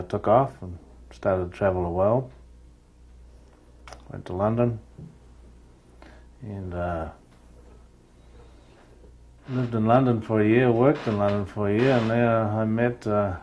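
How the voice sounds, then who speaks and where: A man speaks in an interview, his voice on the low side. He recalls things haltingly, dotting his speech with fillers. A faint noise sits under the recording. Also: darkish tone. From New Zealand. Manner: hesitant, with many fillers. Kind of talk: candid interview recollection.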